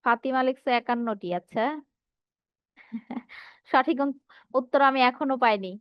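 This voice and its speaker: A high-voiced woman teacher with a Bangladeshi Bengali accent leads an online lesson, often putting questions to her students. Her voice is dry and close, a little muffled and lo-fi. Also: steady tone, unhurried, smooth, no room sound. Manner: reads out students' answers and asks rhetorical questions. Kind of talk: online class lecture.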